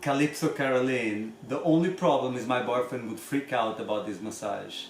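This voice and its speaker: A man's voice: medium pitch, normal speed, a little hiss or hum. A man hosting as a teacher, chatting casually and reading comments aloud in an earnest, emphatic manner with rhetorical questions. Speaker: massage teacher and channel host. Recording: echoey room with background music.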